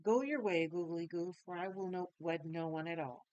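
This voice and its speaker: Brief: woman reading as a frozen-hearted young princess, calm, cold and aloof, dry sound. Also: lowish voice, normal speed, clean tone, dry recording, dull audio, close to an everyday voice.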